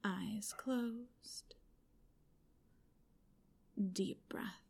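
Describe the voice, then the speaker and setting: A woman's voice: medium pitch, fairly even intonation, drawn-out words, gravelly, a little mellow, husky. A woman in a whispered ASMR roleplay, speaking in an intimate, commanding whisper.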